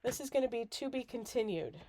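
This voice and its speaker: A woman's voice: a little high, animated, brisk, mellow, dry recording. A woman hosting a casual crafting livestream while groggy and sick with a cold, chatty and rambling. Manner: rambling, chatty, self-deprecating.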